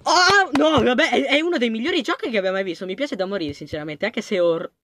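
Quick let's-play commentary from a jumpy, excitable gaming creator who speaks to the characters and swings from hollering to low mutters. The recording is dry.

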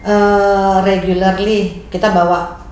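A woman's voice: mid-range voice, little pitch movement, takes it slowly, a little mellow. A woman, a family caregiver, talking through practical tips in an earnest, conversational way. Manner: earnest, practical, mixes in English words. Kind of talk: conversational interview answers. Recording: very echoey room, faint noise.

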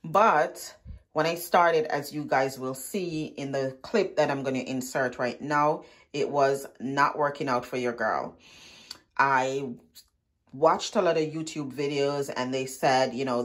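A woman narrating her home makeover in a chatty, relaxed way, talking straight to her viewers. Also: rumbling low. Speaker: DIY vlogger. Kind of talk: casual voice-over narration.

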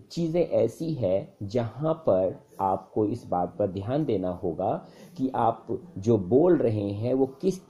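A man teaching English speaking tips in a casual spoken lesson, full of fillers and repeated phrases. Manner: conversational, many fillers and repeated phrases, lively pitch jumps.

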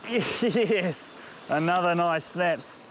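A man's voice: high-pitched, very slow. A man with a broad New Zealand accent bantering casually outdoors while fishing with a companion. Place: outdoors on the sea, in a kayak or small boat. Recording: distant outdoor water and boat noise.

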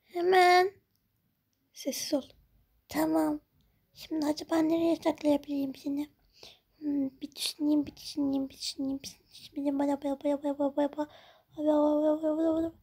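Woman doing a little girl, high-pitched, childish, loud with her mother, toy role-play. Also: little pitch movement, fairly quick, gravelly, pauses often. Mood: thinking aloud. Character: young girl, a chatty daughter.

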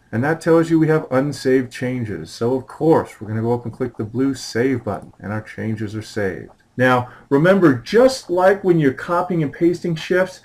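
A man hosting a short screencast tutorial on scheduling software, talking in an upbeat, chatty and playful way as a trainer. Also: mid-range voice, low-quality recording.

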